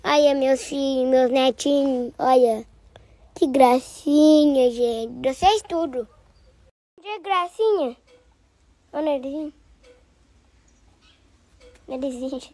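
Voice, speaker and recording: A hoarse, squeaky old grandpa in a comedy vlog. He talks in a very high, piping voice and gushes with doting, affectionate delight. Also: takes it slowly, pauses often, darkish tone, no echo, full character voice.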